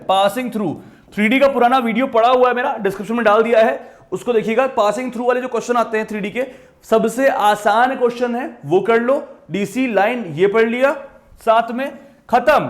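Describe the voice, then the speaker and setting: Very high-voiced man teaching maths. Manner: emphatic, repetitive, addresses students directly. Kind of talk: exam-prep lesson.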